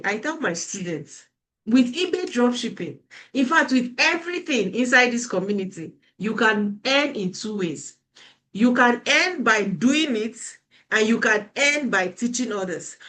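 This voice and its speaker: A woman teaching a live online class over a video call, animated and laughing often. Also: a little high. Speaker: online income coach.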